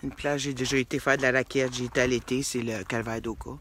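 A middle-aged woman with a Quebec French accent vlogs casually while hiking a snowy trail, talking to a phone held at arm's length. Her voice is extremely low-pitched, steady in tone, and fast, with slight background noise, and she's chatty and rambling, laughing often.

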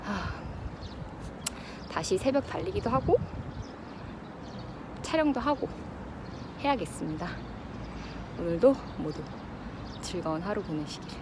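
A woman's voice: mid-range voice, expressive, unhurried, pauses often. Woman vlogging while running outdoors, noisy background. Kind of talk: casual reflective vlog talk to camera. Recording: noisy outdoor ambience with wind or traffic.

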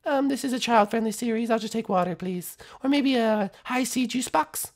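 A man's voice: very high-pitched, moderate pace. A man voicing a polite, easily flustered young princess in an amateur comedy skit, dainty and hesitant. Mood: polite, puzzled.

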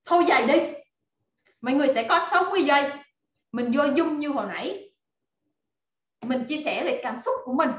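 A woman leads a live online class, energetic and full of fillers as she rallies her students. Her voice sits fairly high, and the call audio is roomy and dull. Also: a little fast, long pauses. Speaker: online course instructor.

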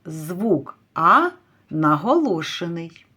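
A woman teaching a literacy lesson to young children, slowly drawing out stressed vowels as she calls out words. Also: lowish voice, sing-song, bright, forceful tone, breathy edge. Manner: slow, drawn-out, stretching stressed vowels to call out words. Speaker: kindergarten teacher.

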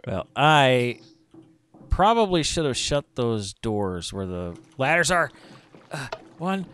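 Man, casual gameplay chat, playful and joking, lively rising and falling pitch, mid pitch. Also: takes it slowly, noisy background. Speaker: let's play gamer.

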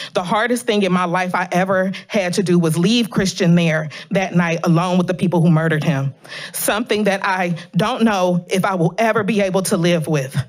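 A woman in her thirties reading a prepared statement at a city council meeting, speaking earnestly and emotionally, at a podium microphone in a large chamber. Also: on the high side. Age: 30s. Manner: earnest, pleading, emotionally charged. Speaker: public commenter at city council. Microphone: podium gooseneck microphone.

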